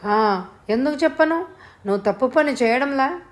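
A bright, teasing young village girl with a raised, childlike voice, as a woman narrator puts her on. She coaxes and pleads in quick bursts within a storybook reading. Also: high voice, expressive, voice pushed up.

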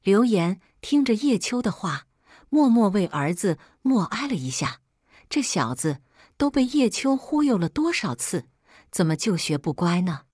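A woman narrating a scripted story with a lively storytelling cadence. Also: mid-range voice, measured pace, breathy edge, no echo, clean studio sound.

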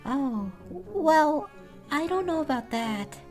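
A man's voice: extremely high pitch, big pitch swings, slow, faint music behind, voice pushed up, heavily acted. A man using a voice changer to sound like a sweet, hesitant young woman, stammering through a prank call. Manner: hesitant, with many ums and stammers. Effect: voice changer making him sound like a young woman. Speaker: online creator baiting a scammer.

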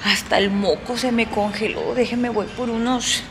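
A woman's voice: medium pitch, steady tone, normal speed, noisy background. A woman chatting casually to her viewers in a vlog, talkative and full of exclamations. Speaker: vlogger. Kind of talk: casual vlog chat to camera.

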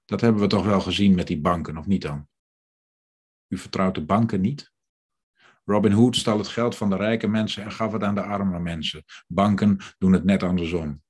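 A man reading the part of a frightened old man who was beaten and robbed, pleading quietly. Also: low voice, fairly even intonation, moderate pace, husky. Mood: bitter.

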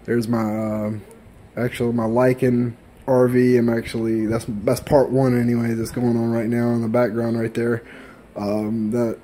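Slightly sick thirty-something gaming vlogger. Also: male voice, medium pitch, level tone, measured pace, dark tone, slight background noise. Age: 30s. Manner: laid-back, chatty, repeats himself. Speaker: gaming YouTuber. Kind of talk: casual gaming vlog. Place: bedroom gaming setup, indoors. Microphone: desktop USB mic.

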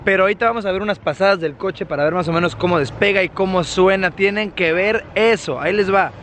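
Excitable high-voiced Mexican man. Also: fast talker, slight background noise. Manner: excitable, swears often, playful slang. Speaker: vlogger host. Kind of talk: casual car vlog.

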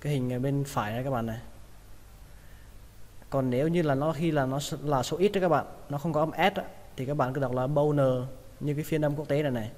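A man teaching English pronunciation, repeating each word slowly in drills. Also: fairly high pitch, darkish tone. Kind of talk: pronunciation lesson. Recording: long hall reverb.

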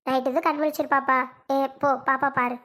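A woman voicing a fussy older mother-in-law in a cartoon, high and nagging. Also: level tone, quick pace, fairly bright tone. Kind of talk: cartoon voice acting.

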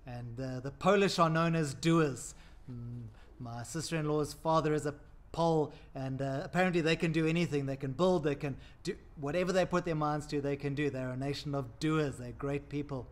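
A man in his forties, a pastor, speaking upbeat to camera, gesturing with his hands and pausing with frequent uhs. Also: fairly high pitch, fairly even intonation. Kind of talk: church prayer segment to camera. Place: indoor room before a world map.

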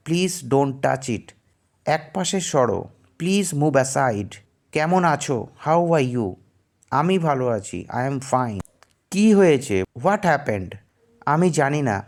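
A man reading everyday phrases for learners, each Bangla phrase followed by its English translation, which he says slowly. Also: on the high side. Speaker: English teacher.

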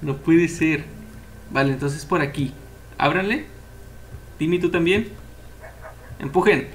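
A young man giving casual, excitable let's-play commentary as he plays, cheering on the characters. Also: on the high side, takes it slowly, slight background noise. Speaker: gameplay commentator.

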